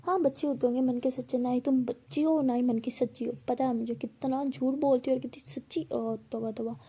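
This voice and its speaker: A woman's voice: high-pitched, steady tone, mellow, breathy edge. A woman voicing a teasing, hyper young college woman who scolds and fusses. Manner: bossy, scolding, fast-talking.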